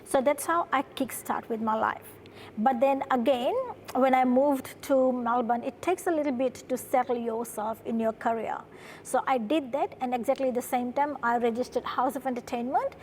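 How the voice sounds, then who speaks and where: A production company founder from Fiji tells her story earnestly in a studio interview, dropping "right?" into her speech often. Her voice sits high with a steady, darkish tone at a moderate pace, and there's a little hiss or hum.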